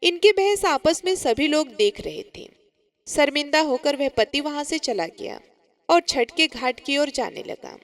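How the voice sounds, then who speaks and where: A woman narrating a devotional folk tale in an expressive, dramatic storytelling manner. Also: high voice, unhurried.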